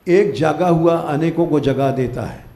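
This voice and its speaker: Older man, slow exhorting spiritual discourse. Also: fairly high pitch, dark tone, reverberant. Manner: exhorting, commanding listeners to wake up. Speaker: spiritual teacher giving a discourse. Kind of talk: live devotional discourse. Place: temple hall, live gathering.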